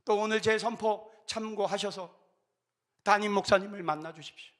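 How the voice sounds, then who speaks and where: A man in his fifties delivers an urgent, impassioned church talk. His voice sits high and sounds forceful and tense. He pleads with fervor. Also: steady tone, moderate pace. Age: 50s. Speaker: film director giving a church talk. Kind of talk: impassioned exhortation.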